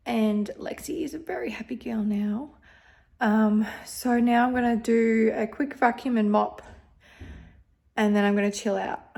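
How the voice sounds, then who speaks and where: A woman's voice: on the high side, creaky, dry recording. A young pregnant woman with an Australian accent, chatting casually through a day-in-the-life vlog with ums and small laughs. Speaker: vlogger.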